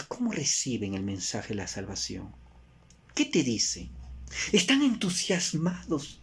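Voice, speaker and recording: A man from Peru with a Peruvian Spanish accent preaching a sermon, asking rhetorical questions and moving between emphatic rises and soft drops. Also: medium pitch, a little hiss or hum.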